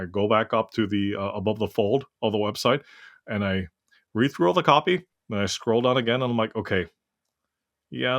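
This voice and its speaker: Male host, lower voice, reflective, conversational, 'right?' tag habit. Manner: reflective, keeps adding 'right?'. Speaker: interview host. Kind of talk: casual conversational interview.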